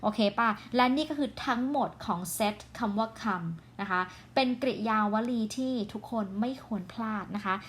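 A Thai woman with a fairly high voice teaches an online English lesson, explaining each word in Thai and slowly reading out English example sentences. A faint hiss sits under her voice.

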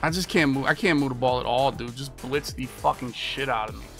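An American game streamer in his thirties gives live commentary, griping in frustration and swearing. His mid-range voice is a bit bright and fairly quick, with soft music in the background of his small streaming room full of monitors.

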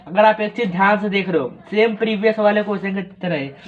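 A man's voice: high-pitched, quick pace. A man teaching math, talking through each step in a chatty way and asking the class rhetorical questions. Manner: chatty, asks rhetorical questions, repeats words. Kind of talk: explaining math steps on a board. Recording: tinny phone-like audio.

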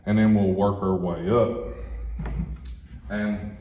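Taking it slowly in a lowish, level voice, a middle-aged man casually walks through his tool box with plain explanations and a few fillers. He's indoors in a large, empty shop building under construction. The space is echoey, with loud music in the background.

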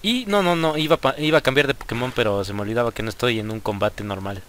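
Excitable Mexican man playing a game. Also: medium pitch, quick pace, a little hiss or hum. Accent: Mexican Spanish. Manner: excitable, frequent exclamations at the game. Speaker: gaming youtuber. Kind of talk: casual let's play commentary.

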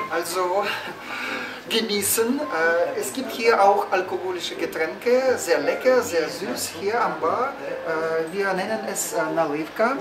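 A man in his forties from Ukraine with a Ukrainian accent, guiding viewers through a restaurant, hesitant with many fillers and restarts. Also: high-pitched. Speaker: tour guide host. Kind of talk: guided restaurant tour. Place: indoor restaurant rooms. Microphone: camera mic from a few steps away. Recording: roomy restaurant with music behind.

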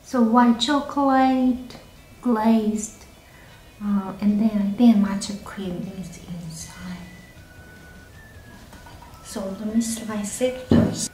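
Speaking slowly to camera, a woman vlogger casually reviews food in a mid-range voice with a little hiss or hum. She's relaxed and chatty, often restarting and using fillers. The small indoor space echoes, with faint music in the background.

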